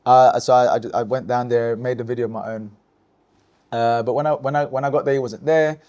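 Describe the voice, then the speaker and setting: A man's voice: medium pitch, brisk, highs cut off. A man, a breakdancer, tells stories from his battling days in a casual interview, full of restarts and "you know", sometimes acting out his own lines. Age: adult, looking back on youth. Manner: animated storytelling, many restarts and "you know". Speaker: guest, breakdancer.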